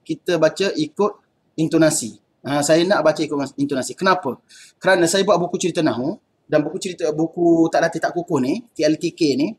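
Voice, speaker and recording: A man's voice: a little high, slight background noise. A man with a Malaysian accent teaching an online Arabic class in a casual, chatty way, laughing often. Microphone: computer mic on video call.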